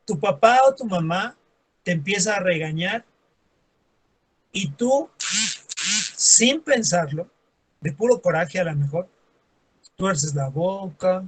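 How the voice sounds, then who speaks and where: A man teaching a lesson, acting out everyday scenes in quoted voices and adding sarcastic asides. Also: high-pitched. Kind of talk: classroom lecture.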